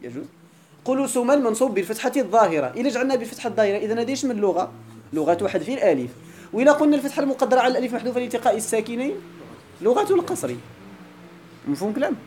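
Moroccan guy teaching grammar, talks fast, pitch jumps around a lot, keeps asking the class if they got it. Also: lively intonation, darkish tone, a little hiss or hum. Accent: Moroccan Arabic. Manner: keeps checking that students follow; repeats example words with drawn-out emphasis. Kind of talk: classroom lecture.

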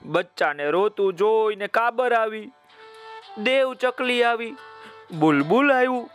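Gentle, slow male bedtime storyteller. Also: sits high, lively intonation, faint music behind. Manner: gentle, addressing children directly. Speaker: children's storyteller.

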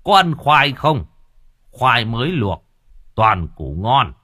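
A man voicing an old village shaman, gruff and fatherly, speaking low and unhurried in an audiobook. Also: big pitch swings, pushed and bright, no room sound, studio quality, exaggerated voice. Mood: kindly. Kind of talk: audiobook character voice.

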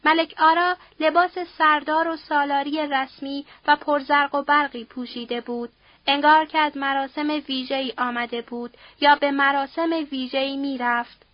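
Female audiobook narrator, steady dramatic reading; dry, muffled lo-fi recording. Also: high voice, no room sound. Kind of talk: literary narration.

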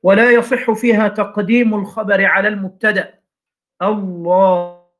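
A man's voice: high-pitched, normal speed, sharp tone. A man teaching a class on Islamic jurisprudence, reading lines from a text and explaining each with questions and examples.

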